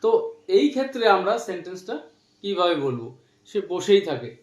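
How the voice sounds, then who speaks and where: A man teaching spoken English, explaining in Bengali and saying English phrases slowly word by word. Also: sits high, sing-song, reverberant.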